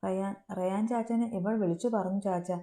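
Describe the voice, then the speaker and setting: A woman voicing a frightened, tearful young female student who speaks in shaky, halting bursts. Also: mid-range voice, fairly even intonation, warm tone, lightly acted. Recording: roomy echo.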